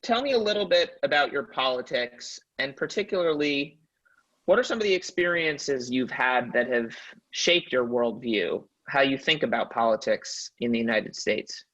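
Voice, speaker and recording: A male podcast host speaks earnestly and in measured phrases, his voice in a middle register. The audio is somewhat dull and lo-fi, lacking crisp top end. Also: medium pitch, expressive, a bit bright. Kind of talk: interview hosting.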